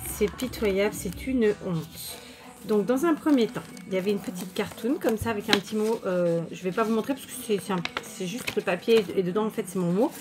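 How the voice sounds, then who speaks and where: A woman's voice: medium pitch, brisk. A woman chatting casually to her viewers while unpacking crafting mail, full of fillers and restarts. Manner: chatty, many fillers and restarts, warm thanks. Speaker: crafting YouTuber. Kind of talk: casual chat showing mail and purchases.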